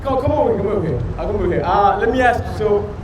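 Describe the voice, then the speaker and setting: A man preaching on a city street, loud and emphatic, quizzing passers-by with questions. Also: sits high, lively intonation, racing, noisy background. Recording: distant, echoey street recording with music.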